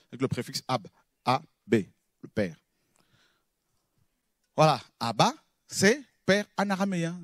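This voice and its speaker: A man preaching in French, a pastor teaching who repeats key words and swings from loud exclamations to low murmurs. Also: vocal fry, dry recording, clean studio sound. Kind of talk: sermon teaching.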